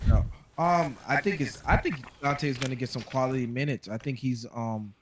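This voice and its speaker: A man's voice: medium pitch, moderate pace, noisy background. A man on a casual sports podcast who gives his views hesitantly, with many ums. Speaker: podcast co-host.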